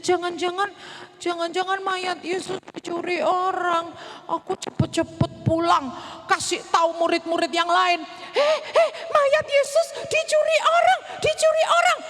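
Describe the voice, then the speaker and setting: A woman's voice: very high-pitched, slight background noise. A woman playing Mary Magdalene as a grieving then joyful disciple in a chatty, emotional first-person church monologue, stammering now and then. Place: church hall. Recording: echoey church hall.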